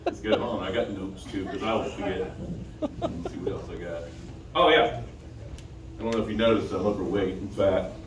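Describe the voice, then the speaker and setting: A man's voice: low voice, brisk, pauses often. A middle-aged man doing amateur stand-up at an open mic, hesitant and self-deprecating with nervous stage fright. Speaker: first-time stand-up comedian. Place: small indoor comedy club stage. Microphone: handheld stage mic, filmed from the back of the room. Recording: echoey club from far off, crowd noise. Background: audience chatter and laughter.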